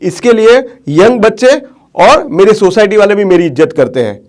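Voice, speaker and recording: A man's voice: sits high, very animated, normal speed, darkish tone. A man working as a financial life planner, telling viewers a story in a chatty style, dropping English phrases into his talk. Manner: conversational, mixes English phrases into Hindi.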